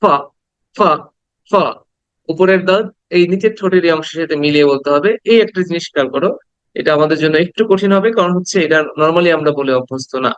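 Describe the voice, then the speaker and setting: A man teaching English pronunciation to children in a slow, patient classroom style, repeating each sound many times. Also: on the high side, clear, resonant tone, no echo. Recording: dull lo-fi recording, dry.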